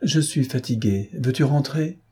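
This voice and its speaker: A man voicing a gentle, tactful princess who softly admonishes a young girl in a read novel. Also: medium pitch, unhurried, slightly rough, voice pushed up.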